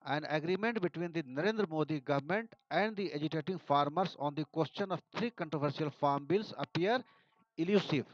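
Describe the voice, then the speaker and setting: A man's voice: a little high, a little fast, no echo. Indian English man explaining newspaper editorials. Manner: reads passages aloud then explains word meanings. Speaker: teacher. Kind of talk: editorial analysis lesson. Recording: dull, dry sound.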